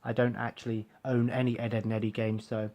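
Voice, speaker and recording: A young man, talking quietly in a rambling vlog at home, with plenty of ums and uhs. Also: mid-range voice, little pitch movement, quick pace. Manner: soft-spoken, keeping his voice down. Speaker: collector showing purchases. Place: bedroom at home.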